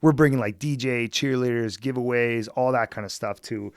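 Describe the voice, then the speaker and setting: A middle-aged former basketball team executive from Edmonton, Canada, appears as an interview guest, talking in an easygoing, enthusiastic way and tossing in "man" and "right?" a lot. His voice is medium-pitched and smooth at a normal speed, captured dry with studio quality.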